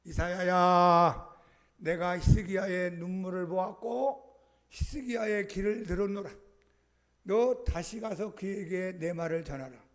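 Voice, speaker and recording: A man, a pastor, voicing God as a slow, solemn male voice issuing decrees to a prophet. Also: high-pitched.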